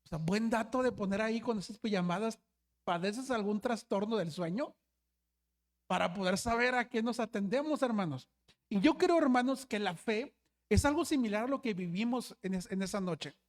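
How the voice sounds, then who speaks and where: A man's voice: high voice, lively intonation, moderate pace. A man who is a pastor, preaching a sermon and telling a story, with frequent restarts and constant asides to his listeners. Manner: storytelling, often says hermanos, frequent restarts.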